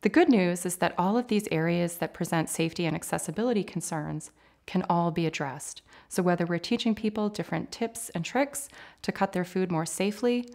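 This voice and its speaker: A woman in her forties, an occupational therapist, explaining things in a clear, measured, instructive way in a home kitchen. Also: lowish voice, a little mellow. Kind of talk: explanatory interview talk.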